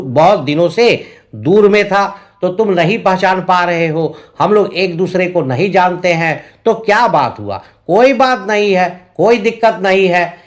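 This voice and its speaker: A male tutor explaining a poem line by line, repeating each verse and paraphrasing it in simple words. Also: high voice. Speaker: Hindi tutor.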